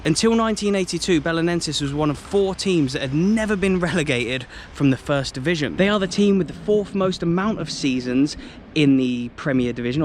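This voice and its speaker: On the high side, this English man's voice bursts with excitement as he tours a stadium outdoors for a football travel vlog, exclaiming to his handheld camera again and again. There's slight background noise.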